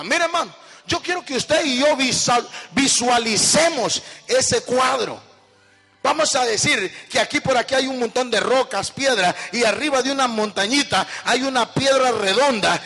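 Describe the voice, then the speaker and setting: High-voiced fervent man preaching in an echoing church. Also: bright, forceful tone, husky. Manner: fervent preaching with call-and-response questions to the congregation. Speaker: pastor. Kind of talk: sermon. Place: church hall. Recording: echoey church hall with long reverb.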